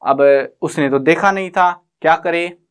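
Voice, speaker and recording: A man's voice: fairly high pitch, unhurried, clear, resonant tone. A man teaching a class lesson, retelling the story in a chatty way with casual asides.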